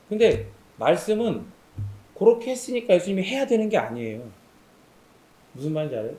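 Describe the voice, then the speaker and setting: Animated Korean pastor preaching in echoey room. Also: male voice, on the high side. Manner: animated preaching, asks the audience questions and calls on listeners. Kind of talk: sermon. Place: camp meeting room.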